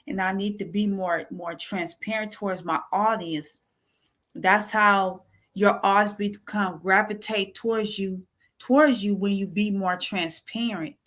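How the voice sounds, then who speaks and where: Speaking at a medium pitch, a young vlogger opens up to her viewers in a confessional video. Her voice is near tears, and she keeps breaking off, restarting, and repeating words in an emotional, halting way.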